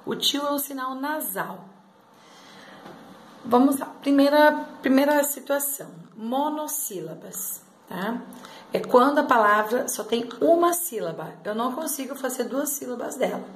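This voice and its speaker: A woman's voice: a little high, a little hiss or hum. Patient woman teacher in an echoey room. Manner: explains step by step, often checks with "tá?" and "né?". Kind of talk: grammar lesson for students.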